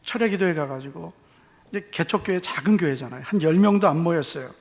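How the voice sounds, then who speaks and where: A man with a Gyeongsang Korean accent preaching a testimony sermon, telling his story with lively acted-out dialogue. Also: on the high side, fast. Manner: animated storytelling, acting out dialogue. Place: church hall. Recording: long church reverb.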